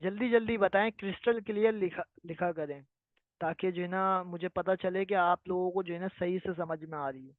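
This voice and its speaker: A man with a high voice, speaking at normal speed, teaches a live online trading lesson and answers viewer questions. He explains patiently and often checks that listeners are following. The recording is dry and tinny, like a phone.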